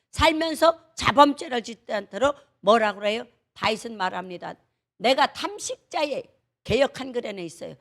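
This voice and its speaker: A woman's voice: fairly high pitch, creaky. A woman pastor with a Chungcheong Korean accent preaching a dawn prayer service sermon in an emphatic, folksy way, full of rhetorical questions. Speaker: senior pastor.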